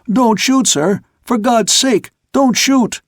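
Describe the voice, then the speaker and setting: A jumpy ship's second mate, voiced by a man in an audiobook, calling out high and strained from the rigging. The voice keeps a husky, gravelly edge under its alarm. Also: lively intonation, normal speed, no echo, clean studio sound. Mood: terrified. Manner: eager, then panicked shouting. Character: frightened male second mate on a ship.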